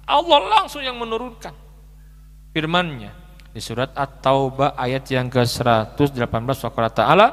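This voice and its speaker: A man preaching a storytelling sermon, moving between loud exclaiming and soft hushed telling, reciting Arabic verses and translating them. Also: medium pitch, big pitch swings, normal speed, in a large hall.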